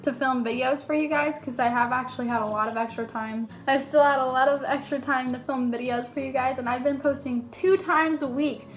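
A young adult woman with a high voice chats brisk and steady, with few pauses, in a casual vlog for her viewers, constantly dropping in "like." This YouTuber films in a small bedroom indoors on a phone at arm's length while music plays behind her.

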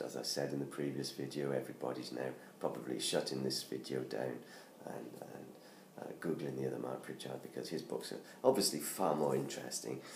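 A middle-aged British man with a very deep voice, made hoarse by laryngitis, casually promotes his book in a homemade video shot at home by the Christmas tree. His chat is full of ums and restarts. Recorded close on a tablet camera, the sound is roomy with faint noise.

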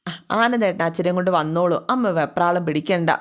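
A woman's voice: fairly low pitch, a little fast, natural voice. A woman voicing a young daughter-in-law who reassures and coaxes her mother-in-law. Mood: reassuring. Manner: coaxing, reassuring.

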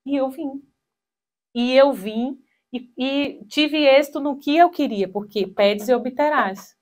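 High-pitched and taking her time, a woman in her thirties delivers a spiritual talk full of personal stories in a small hall. She holds a handheld mic and acts out the voices she quotes with animation.

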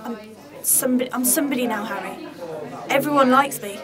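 A woman auditioning as a hopeful middle-aged mother who longs to be liked, giving an earnest, steady monologue. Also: high-pitched, fairly quick, crowd noise, natural voice. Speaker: auditioning actress. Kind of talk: audition reading.

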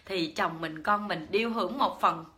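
A woman's voice: lowish voice, moderate pace, bright, forceful tone. A middle-aged woman with a Southern Vietnamese accent giving a personal Buddhist dharma talk, chatty and full of fillers and repetitions as she speaks straight to her listeners. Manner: chatty, lots of fillers and repeated words, addresses listeners directly.

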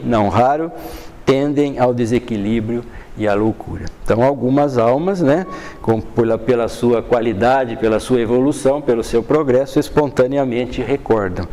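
An older man with a Brazilian Portuguese accent teaches a study group. He reads passages from a spiritist book aloud, then explains them calmly, often adding "né". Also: medium pitch. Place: dim classroom with a projector screen.

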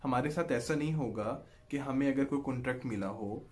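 A man's voice: mid-range voice, fairly quick, a little mellow. Patient man teaching in Urdu accent. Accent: Pakistani Urdu. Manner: patient, repeats "ठीक है जी" to check in, draws out example sounds. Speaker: language teacher. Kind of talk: explanatory online lesson.

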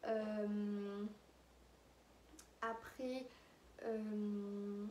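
A woman's voice: mid-range voice, fairly even intonation, drawn-out words, warm tone, slight background noise. Chatty teenage girl vlogging in an echoey room. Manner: chatty, full of fillers and asides to viewers. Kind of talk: casual chat to camera. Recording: echoey room with faint ambience.

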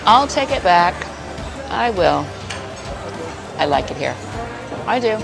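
In a busy indoor buffet restaurant, a woman reviews food to camera between bites, playful and full of exclamations. Her mid-range voice is sing-song, slow and creaky. Crowd chatter and music fill the background.

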